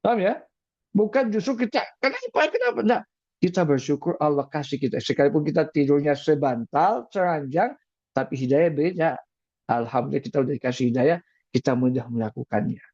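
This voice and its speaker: A man preaching at an evening religious talk, lively, asking the audience questions and repeating his key phrases. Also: on the high side, fairly quick, no room sound, dull audio.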